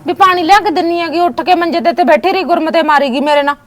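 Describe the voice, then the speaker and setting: A woman's voice: extremely high pitch, racing, a loud crowd. A woman playing a married daughter who complains about her brothers' wives, with a Punjabi accent. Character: married daughter visiting her mother, aggrieved. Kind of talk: village family skit acting.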